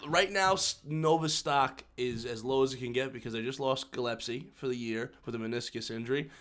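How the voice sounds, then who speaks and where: A man's voice: mid-range voice, a little fast, fairly bright tone. A young man co-hosting a podcast, talking sports in casual chat. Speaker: podcast co-host.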